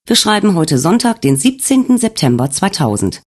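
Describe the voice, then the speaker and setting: A woman's voice: medium pitch, sing-song, moderate pace, pitched above the performer's own voice. A man voicing a young woman who has just woken in a hospital bed, anxious and full of questions, in an audiobook. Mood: bewildered, anxious.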